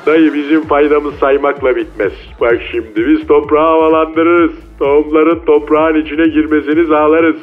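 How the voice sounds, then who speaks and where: A man's voice: on the high side, steady tone, normal speed, hardly any pauses, soft background music. A man voicing a cocky, slangy male mole cricket who speaks over a phone line in a comedy radio sketch. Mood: lecturing. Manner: slangy, boastful, taunting street talk. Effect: heard over a phone line.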